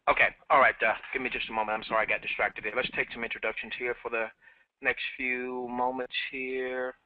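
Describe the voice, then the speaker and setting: On a dry, tinny line that sounds like a phone, a man with a medium-pitched voice hosts a live team webinar over a headset. He speaks briskly in a level tone, staying upbeat while repeating himself and using plenty of fillers. There's no echo.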